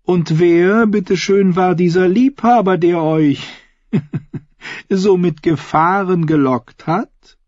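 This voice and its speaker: A man doing a coy young noblewoman, high-pitched. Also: takes it slowly, a little mellow, dry recording. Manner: coy, playful, bashful. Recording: dull, dry recording.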